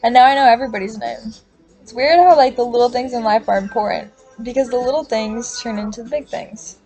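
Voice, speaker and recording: Rambling young woman, fairly high voice. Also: fairly quick, warm tone, soft background music. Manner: rambling, heavy use of "like", casual swearing. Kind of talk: casual confessional monologue.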